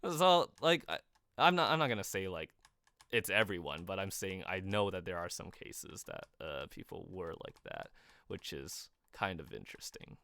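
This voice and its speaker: A man's voice: low-pitched, sing-song, normal speed, gravelly, sharp tone, no room sound. A young man streaming casual game commentary, rambling with lots of filler words and restarts.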